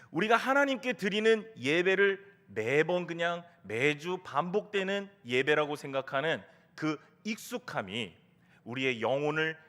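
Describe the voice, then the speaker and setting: Animated Korean pastor preaching a sermon. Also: male voice, a little high. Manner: storytelling with quoted voices and rhetorical questions; warm humorous asides to the congregation. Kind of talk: Sunday sermon. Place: church sanctuary.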